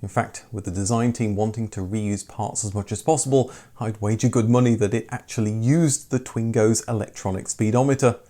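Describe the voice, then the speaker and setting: A man's voice: lowish voice, fairly even intonation, brisk, few pauses, mellow. A man presenting a scripted documentary as its narrator.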